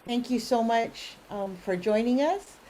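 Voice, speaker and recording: A woman's voice: a little high, a little slow, dark tone, slight background noise, low-quality recording. A woman hosting an online webinar for grantees, explaining upcoming events with many fillers. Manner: many fillers, friendly and informative.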